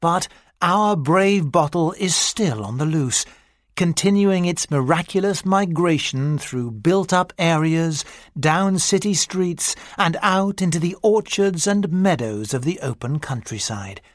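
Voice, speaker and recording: A narrator reading a mock-serious nature documentary script for a listening exercise, in a measured, scripted delivery. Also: medium pitch, lively intonation, dry recording, studio quality.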